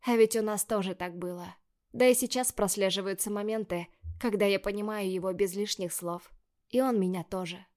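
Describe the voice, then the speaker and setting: A woman audiobook narrator reads scripted first-person narration in a measured, expressive manner, using a mid-range voice.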